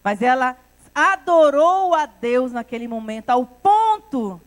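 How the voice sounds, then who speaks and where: High-voiced Brazilian woman preaching. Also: animated. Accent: Brazilian Portuguese. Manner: retells the scripture with sharp swings in pitch and loudness, slowing down for emphasis. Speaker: pastor. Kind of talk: sermon.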